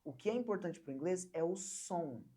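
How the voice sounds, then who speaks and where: A young woman from Brazil teaching an online English lesson, patiently repeating words slowly for learners to copy. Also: on the low side, animated, dark tone.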